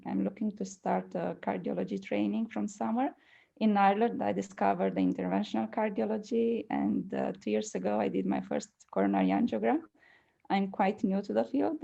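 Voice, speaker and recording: A woman's voice: medium pitch, moderate pace, creaky, mellow, muffled recording. A young adult woman from Romania with a Romanian accent, presenting a medical case in a careful, hesitant way with frequent fillers. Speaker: presenting doctor.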